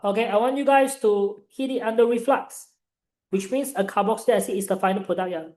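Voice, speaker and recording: Young malaysian guy tutoring online, high voice, singlish-style slang and particles, encouraging, echoey room. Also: fairly quick. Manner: animated, encouraging, peppering talk with "right" and "ah". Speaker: chemistry tutor. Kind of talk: live online lesson, informal Singlish-like colloquial English with local particles.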